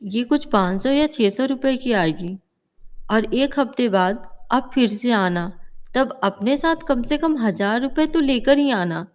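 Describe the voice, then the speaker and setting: A woman voicing a brisk, businesslike male doctor in a cartoon story, giving instructions. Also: fairly high pitch, lively intonation. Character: businesslike village doctor, grown man.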